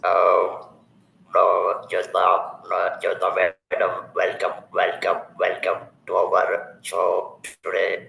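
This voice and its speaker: Deep gravelly male host, echoey. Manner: gravelly, flat, hesitant. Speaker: show host. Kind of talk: formal welcome and questions. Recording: roomy echo, faint background noise.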